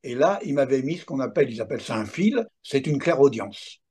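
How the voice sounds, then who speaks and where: A man's voice: medium pitch, very animated, a little fast, darkish tone, breathy edge. A man in his seventies gives a personal testimony in an interview, telling it emphatically with little asides. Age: 70s. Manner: emphatic storyteller, adds asides like "hein, attention". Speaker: interviewee recounting paranormal experiences.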